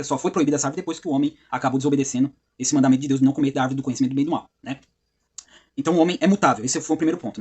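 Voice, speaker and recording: A man giving an informal Bible study, talking conversationally with frequent tag questions and slowing down to read scripture passages aloud. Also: medium pitch, a little mellow, slightly rough. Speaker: Bible teacher.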